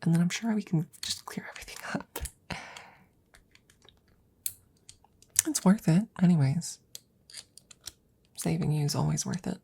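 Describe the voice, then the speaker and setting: In an intimate ASMR roleplay, a woman plays an anxious, devoted scientist, rambling haltingly close to the mic in a soft, breathy voice that keeps slipping into whispers. Her voice is low and animated, and she sounds worried yet resolute. There's slight background noise.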